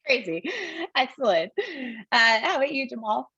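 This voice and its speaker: A woman admissions officer hosting an online alumni panel, upbeat and brisk, with short affirmations between speakers. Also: on the high side, expressive, gravelly, bright, forceful tone, breathy edge, no room sound, dull audio.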